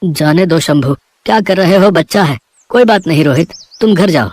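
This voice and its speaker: A woman voicing a kindly, principled middle-aged jalebi seller in a cartoon, with a gentle, fatherly way of talking. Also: fairly low pitch, expressive, moderate pace. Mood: soothing. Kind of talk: cartoon voice acting.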